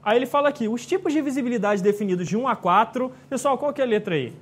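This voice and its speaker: A man's voice: very high-pitched, lively intonation, quick pace. A man teaching a live exam-prep class, chatty and jokey, often checking in with his students.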